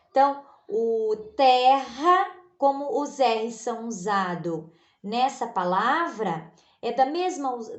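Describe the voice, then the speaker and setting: Woman, teacher, children's spelling lesson, drawn-out words, slow, roomy echo. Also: on the high side, muffled recording. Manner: slow, patient, stretches words out for emphasis. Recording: echoey room.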